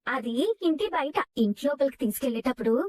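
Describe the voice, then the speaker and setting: High voice, rapid talk, a bossy teasing young sister-in-law. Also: female voice, a little mellow. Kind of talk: TV serial acting.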